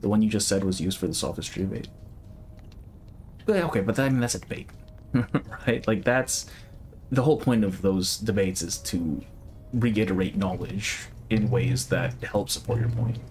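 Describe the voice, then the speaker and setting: A man's voice: fairly low pitch, moderate pace, a little mellow, faint music behind. A young man casually chatting and laughing through live gameplay commentary. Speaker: streamer.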